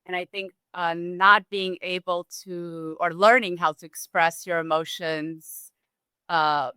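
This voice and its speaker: A woman from Romania talking as a guest in a relaxed, thoughtful interview, with restarts and small laughs. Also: fairly low pitch, slow, clean tone, no echo. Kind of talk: casual conversational interview.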